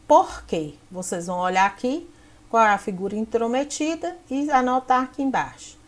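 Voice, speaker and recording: A woman teacher from Brazil with a slightly high voice walks young pupils through a workbook. She explains each task patiently, step by step, pointing things out on the page as she goes. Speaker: primary school teacher. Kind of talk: explaining textbook activities to children.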